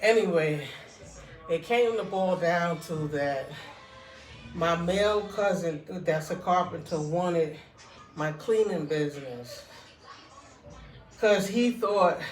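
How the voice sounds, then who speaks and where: A woman's voice: lowish voice, slow pace, pauses often, soft background music. A woman telling a casual, rambling personal story in a conversational way, often checking in with the listener. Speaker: vlogger telling personal stories. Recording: echoey room, distant mic.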